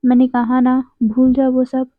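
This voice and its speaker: A woman's voice: sits high, completely flat delivery, unhurried, dry recording. A woman reading the lines of a sulky, irritated young man in a storytelling narration, pouting and complaining. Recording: dry, tinny phone-like audio.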